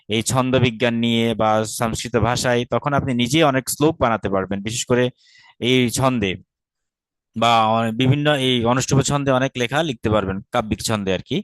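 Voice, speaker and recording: A man's voice: mid-range voice, dry recording. Patient man teaching verse grammar. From Bangladesh. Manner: explains patiently, often asks rhetorical questions and checks understanding; slows down to chant verse syllables carefully. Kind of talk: online class lecture.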